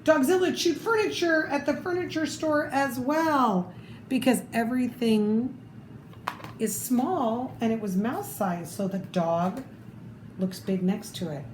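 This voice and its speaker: A storybook reader with a voice on the high side reads a children's book a little slowly and expressively, pausing for little asides to the listener. The room echoes noticeably, and background noise is clear.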